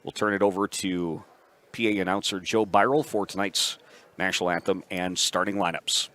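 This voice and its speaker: Lowish-voiced male local sports broadcaster. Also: steady tone, moderate pace, a bit bright. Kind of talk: local radio-style pregame commentary. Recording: faint gym noise behind.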